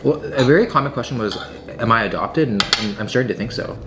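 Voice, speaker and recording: Tasting food on camera, a young adult video host fields viewer questions in an informal chat full of fillers and emphatic phrasing. He speaks fast at medium pitch, with heavy background noise.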